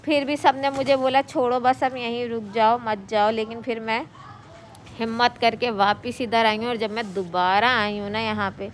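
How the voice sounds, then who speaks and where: A woman's voice: on the high side, steady tone, normal speed, a little hiss or hum. A middle-aged woman from Pakistan telling her own story in a chatty, rambling way for her vlog. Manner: chatty, rambling, repeats herself. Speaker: vlogger. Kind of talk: casual personal vlog storytelling.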